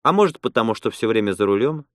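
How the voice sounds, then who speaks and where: A man's voice: lowish voice, big pitch swings, fast talker, dry recording, clean studio sound. A man voicing a frank, outspoken young woman colonist in an audiobook, teasing and blunt. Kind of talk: audiobook character voice.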